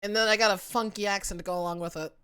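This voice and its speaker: A young adult woman livestreams from her home setup, chatting casually in a playful, giggly, self-mocking way. Her accent is Southern American mixed with internet influences. She talks rapid-fire at a medium pitch with fairly even intonation, her tone fairly bright, clear and resonant.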